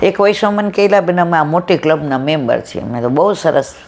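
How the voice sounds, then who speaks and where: A woman's voice: low voice, steady tone, a little fast, a little mellow, slight background noise. Woman giving a devotional talk. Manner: conversational, acts out quoted dialogue. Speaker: satsang speaker. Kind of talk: devotional discourse with storytelling.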